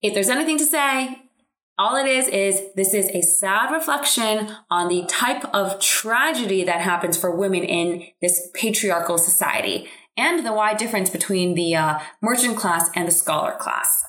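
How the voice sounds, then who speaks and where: A woman's voice: mid-range voice, normal speed, fairly bright tone. A woman co-hosting a podcast, recapping a drama with conversational, thoughtful commentary. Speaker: podcast co-host. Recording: roomy echo.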